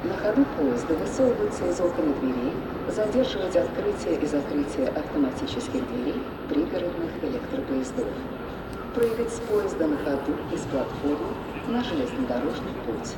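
Woman station announcer over the PA: lively, swinging pitch, echoing from a distant loudspeaker. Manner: measured, rising on the opening call. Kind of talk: formal public announcement. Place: large train station hall. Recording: echoey loudspeaker heard from afar, loud noise. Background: loud station noise.

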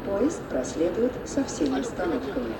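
Woman station announcer over the PA: lively, swinging pitch, echoing from a distant loudspeaker. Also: a loud crowd. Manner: measured, rising on the opening call. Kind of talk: formal public announcement. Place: large train station hall. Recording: echoey loudspeaker heard from afar, loud noise. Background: loud station noise.

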